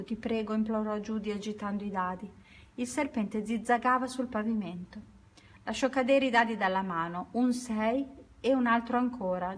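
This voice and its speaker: A woman reading a children's story aloud at an unhurried pace, now and then correcting herself. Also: fairly high pitch.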